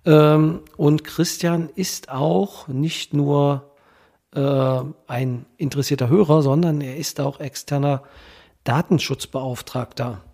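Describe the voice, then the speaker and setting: A man with a cold hosting an informal podcast, speaking in a congested nasal voice with a halting, hesitant delivery. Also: a little high, steady tone, vocal fry, dark tone. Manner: hesitant, halting delivery with many ehs and ums. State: has a cold. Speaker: podcast host, legal guardianship professional.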